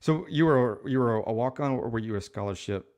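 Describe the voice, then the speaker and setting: A man's voice: medium pitch, a little fast, a little mellow. A man from Texas hosting a podcast, asking easygoing questions and giving brief acknowledgments. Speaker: podcast host. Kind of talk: casual interview questions.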